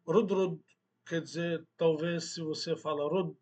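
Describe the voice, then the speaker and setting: A man gives a language lesson in an unhurried, deliberate way. His voice sits a little high for a man, and he repeats words again and again to drive a point home. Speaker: Arabic teacher.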